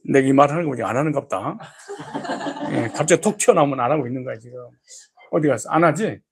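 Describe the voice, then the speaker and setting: Gravelly, husky-voiced male pastor preaching. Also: medium pitch, animated, fast. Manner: folksy, scolding, jokey preaching with blunt asides. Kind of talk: sermon.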